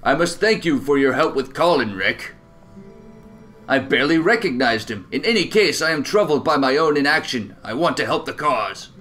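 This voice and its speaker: A man voicing a solemn middle-aged swordsman and father who speaks in an earnest, measured way. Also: medium pitch, expressive, bright, forceful tone, soft background music.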